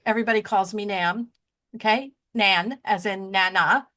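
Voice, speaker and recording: Speaking at an ordinary pace with a medium-pitched, sharp tone, a woman in her sixties co-hosts a casual podcast. She rambles, tends to lose her train of thought, and pokes fun at herself.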